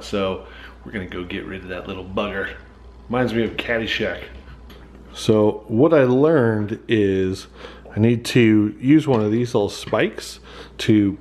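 A man's voice: lowish voice, darkish tone. A middle-aged American man narrating a casual vlog in a folksy, lightly joking way. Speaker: vlogger.

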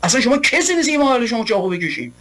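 A man with a high-pitched voice delivers a heated political monologue. He argues rhetorically, piling up long repeated lists. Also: sing-song, sharp tone. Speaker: political commentator.

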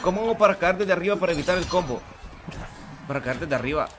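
A man live-streaming a fighting game, his voice sitting a little high as he fires off hyped, slangy shout-outs to viewers. Game music runs clearly behind him. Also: animated, fast talker. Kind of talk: casual live-stream commentary.

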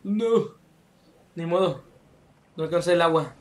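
Man, young, high-pitched, joking, chatty, live game stream. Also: measured pace. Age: young adult. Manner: chatty, joking, reads chat aloud and calls out mid-game. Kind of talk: live gameplay stream chat.

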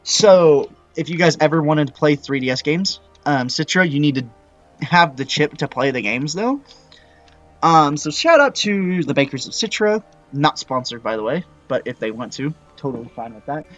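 A young man casually commenting while playing a video game, rambling with frequent excited outbursts. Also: fairly high pitch, moderate pace, muffled recording, faint music behind. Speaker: gaming channel host. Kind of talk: let's-play commentary.

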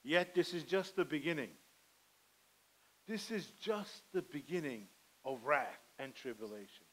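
A man's voice: fairly high pitch, lively intonation, unhurried, fairly bright tone, poor audio. A middle-aged man preaching a sermon from a church pulpit, earnest and pleading, on a headset mic. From Armenian heritage. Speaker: pastor. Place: church sanctuary, indoors, medium size.

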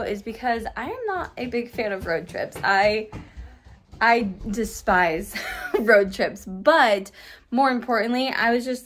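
A young woman chatting casually to a phone camera at home, expressive and laughing easily as she talks about her day. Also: medium pitch. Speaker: vlogger, mother. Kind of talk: casual vlog chat. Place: bedroom in a home. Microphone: phone at arm's length.

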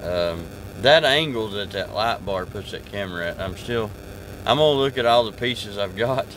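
A man's voice: fairly low pitch, fairly bright tone, a little hiss or hum. A man, chatting casually to camera from his parked truck cab, rambling and easygoing with lots of fillers and restarts. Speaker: trucker vlogger. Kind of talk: casual vlog chat to camera. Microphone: camera at arm's length.

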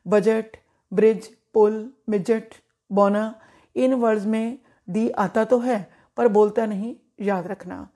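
A middle-aged woman teaches English pronunciation, taking her time over every word. Her voice is warm and mellow, and she speaks slowly and deliberately, repeating each example so it sinks in. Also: medium pitch, fairly even intonation. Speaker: English teacher, former principal. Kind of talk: pronunciation lesson in Hindi.

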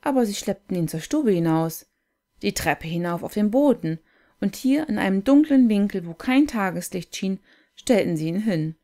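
Woman, storybook reader, gentle and unhurried, calm contemplative read-aloud. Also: mid-range voice. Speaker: reader of a fairy tale.

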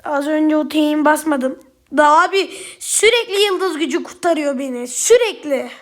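A woman giving casual gameplay commentary, quick to anger and swearing at opponents, then chatting directly to her viewers. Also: sits high. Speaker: gaming YouTuber.

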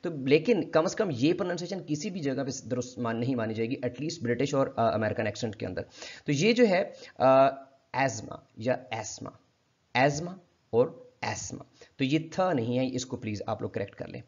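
A man from Pakistan, with a Pakistani accent, teaching English pronunciation in an online lesson. He talks politely and formally, explains patiently and repeats each word slowly several times. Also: mid-range voice, expressive, a little mellow, highs cut off.

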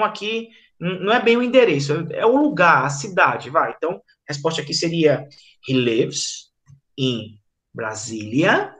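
A Brazilian man with a high, bright voice teaches an online English lesson. He talks in a chatty, explanatory way and keeps checking that the class is following. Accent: Brazilian Portuguese, from Rio Grande do Norte.

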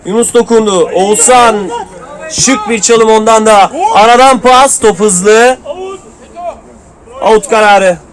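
A man's voice: high-pitched, steady tone, takes it slowly, long pauses, a crowd in the background. A man giving live play-by-play commentary on an amateur football match, calling out player names in short clipped bursts. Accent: Turkish.

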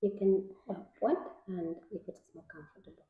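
A woman's voice: mid-range voice, fairly quick. Echoey young woman teacher, speaking simply to a child. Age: young adult. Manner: simple, patient child-directed speech with short prompts. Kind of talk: one-to-one oral language questioning of a child. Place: small indoor classroom. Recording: echoey room, slightly dull sound.

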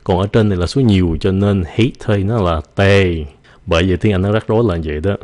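Low-voiced male teacher, vocabulary lesson, mixes English into his explanations, slow drawn-out pronunciation demos. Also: warm tone.

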